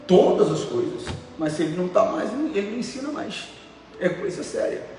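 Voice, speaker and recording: A male pastor preaches in a high voice, telling stories and hammering his points home by repeating them. His voice carries from a distance across a large hall with a long, echoing reverb and a faint hum of ambience behind it. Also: animated, fairly quick. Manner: emphatic storytelling with repetitions. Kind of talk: preaching sermon. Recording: echoey hall, voice from far off.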